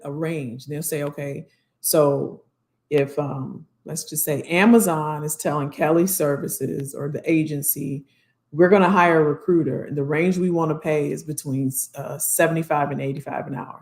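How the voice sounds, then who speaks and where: With a low, slightly hoarse voice, an American woman runs a casual live career Q&A, talking to viewers like old friends in folksy slang and circling back to the same phrases.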